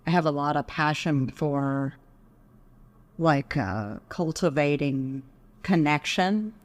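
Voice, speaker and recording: A woman's voice: sits low, takes it slowly. A middle-aged woman from Texas, talking thoughtfully and measuredly as a podcast guest. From Texas, USA. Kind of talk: reflective interview talk.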